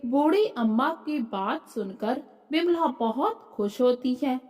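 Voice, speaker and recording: A woman narrating a moral folk story in a calm, even storytelling manner. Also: sits high.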